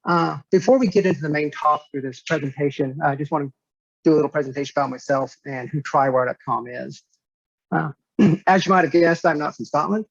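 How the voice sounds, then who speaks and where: A man in his fifties from Nevada, giving an online business presentation as a guest speaker and company director, with measured pacing, frequent "uh" fillers and repeated words. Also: a little high, creaky, slightly rough, no echo, dull audio. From United States, Nevada.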